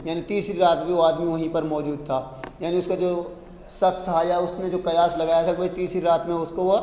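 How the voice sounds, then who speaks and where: A man teaching a story chapter. He reads English lines slowly and then explains them in Hindi. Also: on the high side, flat delivery, mellow, slight background noise. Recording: echoey room with long reverb.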